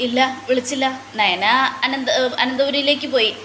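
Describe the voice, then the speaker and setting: A woman's voice: high-pitched, normal speed, fairly bright tone, a little hiss or hum. A woman voicing a firm, caring elder sister who coaxes and lectures her family. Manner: coaxing then scolding, firm.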